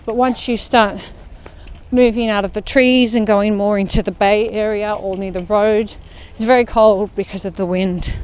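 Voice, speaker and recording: A fitness vlogger from Australia chats casually while leading a walk-along workout through an outdoor park. Her voice is mid-range, steady and darkish, clear and resonant, delivered at a moderate pace.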